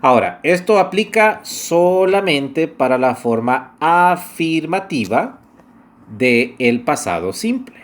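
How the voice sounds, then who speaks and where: A man teaching an English grammar lesson, speaking deliberately and repeating each word for practice. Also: on the high side, big pitch swings.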